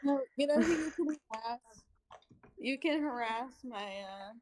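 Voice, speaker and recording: A woman's voice: fairly high pitch, expressive, measured pace, darkish tone, poor audio. A young woman guesting on a livestream, chatting loosely and giggly. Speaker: stream guest. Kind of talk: casual chat on a livestream.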